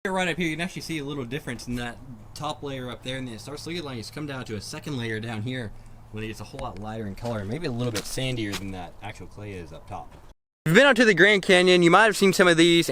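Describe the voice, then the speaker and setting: A man talks through an outdoor exploration in a casual, curious way. His voice sits at a middle pitch, and he folksily points out what he finds as he walks. The location audio carries noise behind him. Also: a bit bright. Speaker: explorer vlogger. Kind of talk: casual exploration vlog narration. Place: outdoors at an open gravel pit pond.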